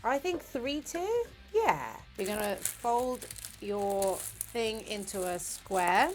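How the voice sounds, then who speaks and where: A woman's voice: medium pitch, expressive, slow, soft background music. A tipsy, giggly, rambling woman chatting casually as host of a comic baking vlog, sweary, self-mocking and playfully crude. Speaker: host of a comedic baking video.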